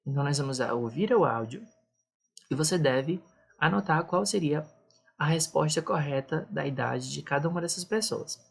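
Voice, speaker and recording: Woman teacher going slow and patient, low husky voice, says everything twice. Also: lively intonation. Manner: patient, explains each point twice. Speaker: English teacher. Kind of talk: explaining a beginner lesson.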